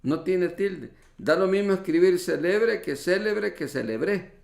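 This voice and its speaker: A man's voice: high-pitched, expressive, measured pace, vocal fry. Echoey male preacher, teaching tone. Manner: teacherly, explains word meanings and spelling rules; addresses listeners often as brothers. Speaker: pastor. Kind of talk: sermon. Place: church hall. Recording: echoey church livestream.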